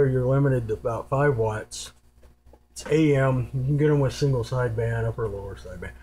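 A man with a medium-pitched, darkish voice talks through radio gear advice at an indoor table. He explains casually and hands-on without a script, rambling in an informal, matter-of-fact manner. Noise and hum are clearly audible in the home recording.

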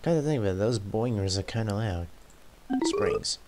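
A man's voice: lowish voice, lively intonation, moderate pace, heavy background noise. A man giving laid-back let's-play commentary, muttering item names and making dry asides. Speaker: gameplay commentator.

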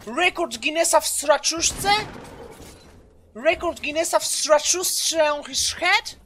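A man in his twenties streaming a game live, loud and excitable, swearing and throwing in English phrases, on a headset in a small room. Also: very high-pitched, slow, background noise. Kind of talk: live gameplay commentary.

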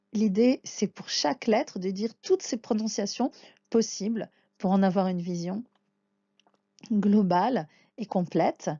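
A woman's voice: mid-range voice, warm tone, slightly rough, no room sound, highs cut off. A woman teaching a language lesson, patiently naming and sounding out letters one by one. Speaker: Hebrew teacher. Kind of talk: slow spoken lesson.

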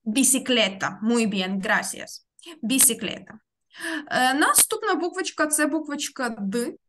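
Woman teacher, online class, high bright voice, patient word-by-word explaining. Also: expressive. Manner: slow, careful word-by-word explaining. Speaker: Spanish teacher.

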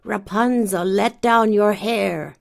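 A woman voicing an ugly, mean old witch in a children's storybook, with a harsh, strained voice pitched above her narration. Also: slow, gravelly. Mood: calling. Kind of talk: storybook character voice.

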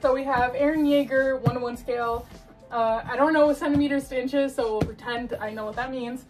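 A woman's voice: high-pitched, fairly even intonation, fairly quick, darkish tone, far from the mic, soft background music. A young woman casually chatting through an unboxing, gushing and laughing, a bit out of breath as she struggles with the box. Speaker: collectibles unboxing vlogger.

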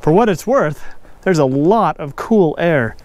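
A man in his thirties talking casually to camera with a lapel mic while exploring abandoned mines outdoors, easygoing and quick to exclaim. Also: a little high, animated, a little mellow, no room sound. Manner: enthusiastic, easygoing, exclaims often. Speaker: mine explorer vlogger. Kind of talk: casual outdoor vlog narration. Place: outdoors in desert hills and mine tunnels.

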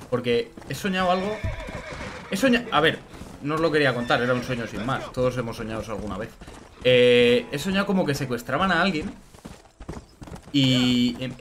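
Chatty Spanish-gaming streamer, lively. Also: male voice, on the high side, a little hiss or hum. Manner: chatty, greets chat constantly, excitable. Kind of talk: casual let's play commentary.

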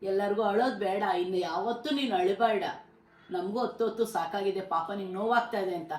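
A woman's voice: mid-range voice, a little fast, reverberant. A middle-aged woman with a Kannada accent, a mother talking emotionally to her daughter and to viewers, pleading and scolding in turn. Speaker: mother of a vlogger. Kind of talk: emotional family talk.

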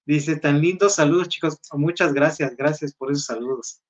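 A man's voice: a little high, moderate pace. A man co-hosting a casual gossip chat, easygoing and chatty. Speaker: show co-host. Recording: dull lo-fi sound.

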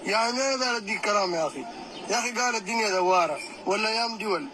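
Fast, high-voiced ranting Sudanese man. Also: background noise. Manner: heated, taunting, rising to shouts. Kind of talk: angry recorded rant.

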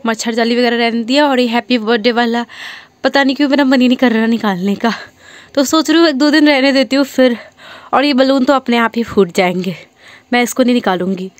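A woman's voice: a little high, no echo. A young woman vlogging casually, chatting with her viewers and calling them "guys", with English words mixed into her speech. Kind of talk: casual vlog chat.

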